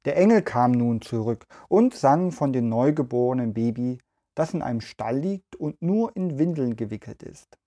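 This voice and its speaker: A man hosting a podcast for children and reading a story aloud in a gentle, even way. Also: mid-range voice, moderate pace.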